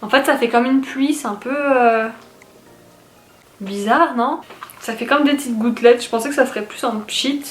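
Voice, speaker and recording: A woman's voice: a little high, normal speed. A young woman vlogger chatting casually about her shopping, rambling with fillers and restarts. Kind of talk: casual haul video chat. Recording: echoey room with faint noise.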